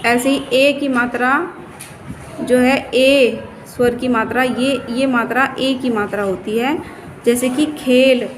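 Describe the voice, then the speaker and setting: A woman teacher patiently explaining Hindi vowel signs, repeating and stretching each word. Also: fairly high pitch. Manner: patient, repeats and stretches words, points at the board. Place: classroom. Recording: echoey room with faint noise.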